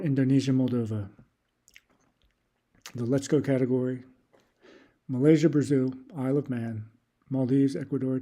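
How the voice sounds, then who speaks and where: A man streaming casual commentary, reading off a long list and thinking aloud with hesitant restarts. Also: medium pitch. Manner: reads off long lists in a steady run. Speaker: YouTube creator.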